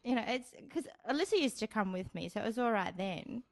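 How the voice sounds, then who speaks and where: A woman's voice: fairly high pitch, animated, fairly quick, creaky. A woman from Australia with a Brisbane accent, chatting casually and frankly as an interview guest. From grew up in Australia. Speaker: guest, Japanese interpreter-translator. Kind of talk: casual chat.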